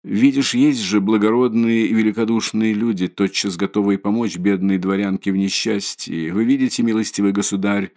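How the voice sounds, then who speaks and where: A man voicing a proud, impoverished widow of noble birth who is frantic and shrill. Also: a little mellow, lightly acted. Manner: shrill, desperate, haughty.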